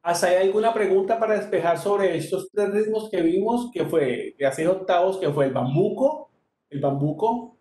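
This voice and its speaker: High-voiced man counting beats in a lesson. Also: normal speed, warm tone. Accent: Colombian Spanish. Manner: counts beats aloud and chants strumming patterns. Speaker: music teacher. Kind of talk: online workshop lesson on tiple rhythms. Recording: echoey room with guitar.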